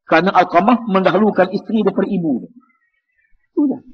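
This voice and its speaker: Malaysian Malay male preacher, high husky voice, dull lo-fi mosque recording. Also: fast. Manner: lively, rhetorical questions, frequent "ya". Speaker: religious teacher. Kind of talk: mosque evening lecture.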